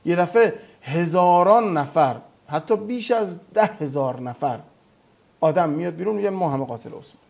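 Animated, high-voiced male history speaker. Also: gravelly. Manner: emphatic, retells history with quoted dialogue. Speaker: religious history guest speaker. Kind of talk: animated lecture-style storytelling.

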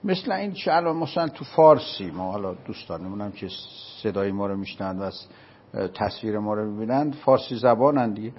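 A man from Isfahan with an Isfahani accent, explaining a religious topic step by step and often asking whether it is clear. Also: on the low side, lively intonation, lo-fi sound. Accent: Isfahani Persian. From Isfahan, Iran. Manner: patient, explaining step by step with checking questions. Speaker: religious scholar. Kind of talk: explanatory lecture in conversation.

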